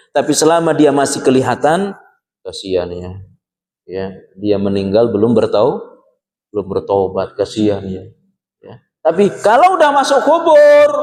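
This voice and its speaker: A man preaching a sermon to a congregation, lively and full of rhetorical questions, ending phrases with a quick "ya". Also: medium pitch. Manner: lively, asks rhetorical questions and tags lines with "ya". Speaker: Islamic preacher. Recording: echoey hall with long reverb.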